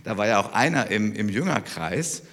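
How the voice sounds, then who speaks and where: A low-voiced man gives a sermon in a relaxed, conversational manner, leaning hard on key words. His voice rings out in a church hall with a long reverb trailing after each phrase. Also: moderate pace. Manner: conversational preaching, emphatic with rising stresses. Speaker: pastor.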